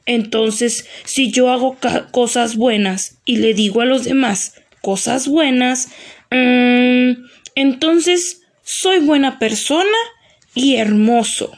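A woman doing a gentle sad ogre. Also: fairly high pitch, slow. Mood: timid. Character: sad gentle big green male ogre.

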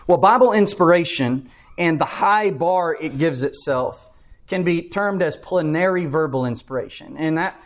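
A man's voice: on the high side, moderate pace. A man preaching a Bible class sermon, explaining step by step and repeating key phrases for emphasis.

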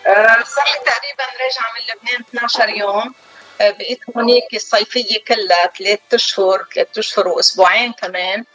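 A middle-aged woman with a Lebanese accent, a chef speaking over the phone as a guest on a call-in interview, telling her story calmly and without hurry. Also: on the high side, fast, dry recording, faint music behind. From southern Lebanon. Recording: dull phone line.

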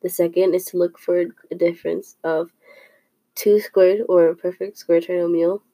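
For an informal classroom-style podcast, a young woman slowly and carefully explains a math lesson, thinking aloud with small restarts. Her sniffly, slightly stuffed-up voice is fairly low and warm with little pitch movement, on a low-quality recording without echo.

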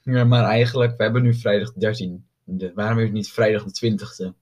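A young man chatting casually as a podcast co-host, halting with many fillers and restarts. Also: on the low side, flat delivery, darkish tone. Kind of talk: casual chat.

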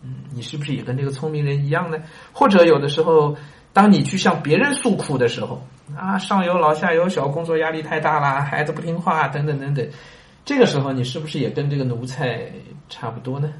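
A man's voice: fairly high pitch, brisk, reverberant. A man reading a classic story aloud and explaining it, chatting with listeners and asking them rhetorical questions. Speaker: reader and commentator on a classic story. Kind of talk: storytelling lesson with commentary.

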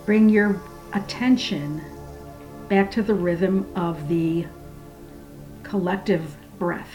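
A woman with a fairly low voice guides a meditation at a very slow, unhurried pace. Her delivery is soft, hushed and soothing, sinking toward a whisper as phrases trail off. Faint music plays behind her.

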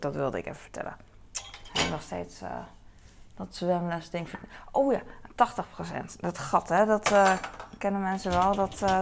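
Woman, 30s, casual chore vlogger, rambling and chatty, low-ish with some gravel, faint hiss behind. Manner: chatty and rambling, animated when telling stories. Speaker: vlogger and mother. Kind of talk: casual chatty vlog while doing household chores.

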